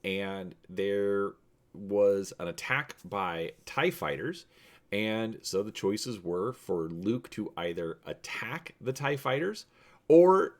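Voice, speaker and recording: A man with a deep voice hosts and narrates an adventure tale, reading it aloud dramatically as if from a storybook.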